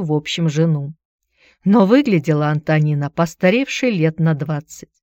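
Brief: woman audiobook narrator, steady even delivery, lowish voice, dry recording. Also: dry recording.

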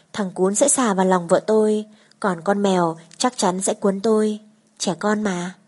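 Woman narrating a story steadily. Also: mid-range voice. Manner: even, steady storytelling, first-person. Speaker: audiobook narrator.

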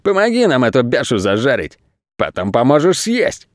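A man's voice: mid-range voice, wildly swooping pitch, moderate pace, no echo, clean studio sound. A man voicing a pair of scheming crooks in a children's audiobook, threatening and brash. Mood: sly. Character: scheming male crook duo, rough bullies.

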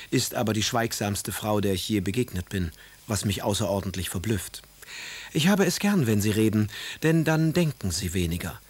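In a German radio play, a male actor with a lowish, slightly rough voice portrays a moody, sardonic aristocratic poet, speaking letters in wry, eloquent phrases.

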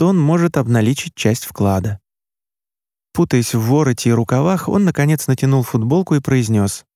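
Man reading a novel, dark warm voice. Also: mid-range voice, dry recording, studio quality. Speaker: audiobook narrator. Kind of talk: scripted narration.

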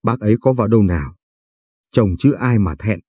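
A man's voice: lowish voice, lively intonation, fairly quick, warm tone, slightly rough, no echo, studio quality. A man voicing an older village midwife woman who speaks impatiently and scolds. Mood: scolding. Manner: scolding, matter-of-fact.

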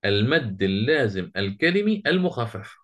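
A man teaching a Quran recitation lesson, quizzing his students and chanting the verses he quotes slowly. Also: mid-range voice, sing-song, a bit bright.

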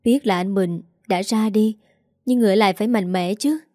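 A woman's voice: medium pitch, warm tone, dry recording, clean studio sound, natural voice. A woman voicing a young female friend who consoles while crying. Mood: tearful. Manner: crying while talking, quick.

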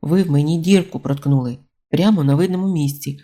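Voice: medium pitch, fairly quick, dark tone, close to an everyday voice. A reader voicing a grumpy undead male constable in an audiobook, complaining in an aggrieved grumble.

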